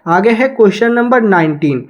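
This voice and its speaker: A man teaching an exam-prep lesson. He reads each question slowly, then explains it and repeats the answer. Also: sits high, animated.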